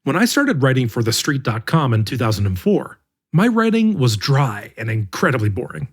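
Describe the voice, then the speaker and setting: A man with a husky, mid-range voice reads an article in the first person as a podcast's regular reader. His scripted narration is measured yet expressive.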